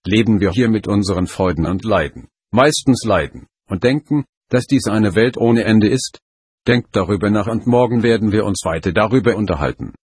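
Man voicing a calm old lama teacher. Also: on the low side, moderate pace, slightly rough, dry recording, studio quality. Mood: calm teaching. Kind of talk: audiobook reading.

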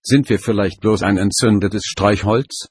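A man reading an audiobook, voicing a wise old lama teacher who explains calmly. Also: fairly low pitch, a little slow, slightly rough, no room sound. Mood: calm teaching.

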